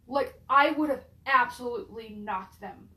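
Female co-host, casual chat, slightly high voice, swears freely, stammers, roomy echo. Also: measured pace, bright, forceful tone.

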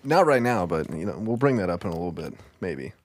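A man's voice: low voice, sing-song, quick pace. A young man, a college engineering student, co-hosting a casual chat with dry, laid-back remarks. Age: young adult. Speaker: podcast co-host.

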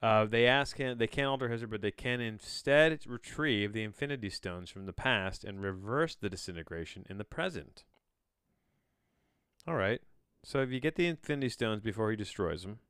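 With a fairly low, slightly bright voice, a male podcast host reads a plot synopsis aloud as a casual solo commentary, drifting into rambling, sardonic, incredulous asides and casual swearing. The tone is clean and studio quality, without room sound.

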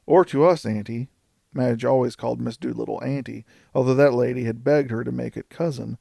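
Male storyteller, gravelly, close and dry, steady read. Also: medium pitch, brisk, no echo. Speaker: audiobook narrator. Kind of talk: scripted narration.

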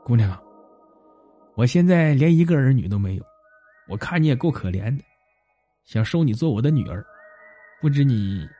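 A man voicing a kind, childless middle-aged lady, speaking in a lowered, earnest tone. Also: lively intonation, moderate pace, pauses often, mellow, soft background music, lightly acted. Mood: gentle.

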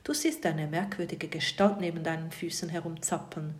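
A woman narrating a bedtime story softly, often in a whisper, and addressing the listener directly. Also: deep voice, fairly even intonation, normal speed.

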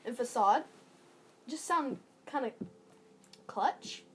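A young teenage girl telling a story on a homemade podcast, with a voice that sits a bit high. She sounds animated as she teases her friend and laughs often. Faint background noise runs underneath. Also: slow pace. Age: young teen. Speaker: podcast co-host. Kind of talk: casual chat.

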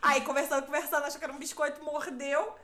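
A woman's voice: sits high, quick pace, very noisy. A woman co-hosting a podcast, telling a funny story in casual chat and mimicking voices as she goes. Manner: animated, mimics voices in quotes, laughs often. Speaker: podcast co-host.

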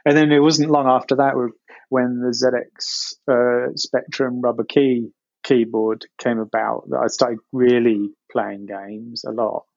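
A middle-aged man with an Essex accent, casually recalling his past as an interview guest in an informal, halting way, thinking aloud. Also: medium pitch, flat delivery, creaky, no room sound, lo-fi sound. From Essex, England. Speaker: interview guest, game industry producer. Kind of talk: casual personal recollection.

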